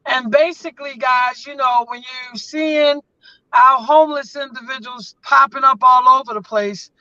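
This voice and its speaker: A woman talks with a bright, forceful edge, building her points in an emphatic, rallying rhythm. Her voice is close and dry. The sound is dull and lo-fi. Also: high-pitched, fairly even intonation, normal speed, no room sound. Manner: emphatic, rallying, preacher-like cadence. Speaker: guest community advocate. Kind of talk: casual live conversation.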